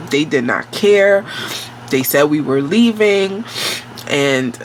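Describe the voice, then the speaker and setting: Sounding stuffed up with a cold, this vlogger from New York City meanders through a story about work, slow and chatty, full of fillers and second-guessed phrasing. The mid-range voice has lively intonation, with slight noise in the background.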